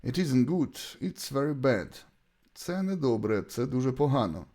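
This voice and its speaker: A man teaching English bilingually carries a Ukrainian accent from his mother tongue and has a warm tone. His pitch is typical for a man but moves up and down in a very animated way, and he deliberately delivers short example sentences to be repeated.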